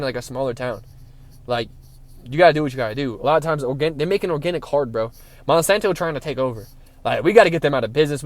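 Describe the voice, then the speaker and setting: A young man delivers a heated, swear-filled monologue, calling his listeners "bro" as he preaches. His voice sits high for a man. The sound is dry and close, with no room echo. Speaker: spiritual vlogger. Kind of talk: casual monologue.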